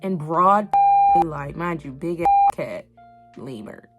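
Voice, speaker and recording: A young adult woman hosts a YouTube review of an animated series, giving casual, animated commentary full of slang and emphatic repeated phrases. Her voice is deep and she takes it slowly. Music plays in the background.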